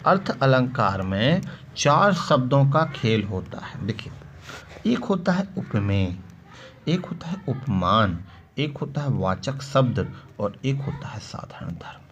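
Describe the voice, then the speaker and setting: A male teacher explaining grammar at an unhurried, deliberate pace, drawing out each verse example. The sound is muffled and lo-fi, with a faint hiss of noise behind him. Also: mid-range voice, big pitch swings, a bit bright. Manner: explains slowly, quotes verse examples in a drawn-out recital; repeats key terms, asks and answers his own questions. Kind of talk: classroom-style lesson.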